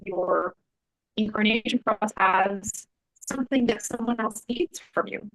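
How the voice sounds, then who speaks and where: A woman's voice: mid-range voice, unhurried, fairly bright tone, rough recording. Chatty woman telling a story. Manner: thoughtful, meandering, with fillers and self-corrections. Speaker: interview guest, artist and Human Design author. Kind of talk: relaxed conversational storytelling.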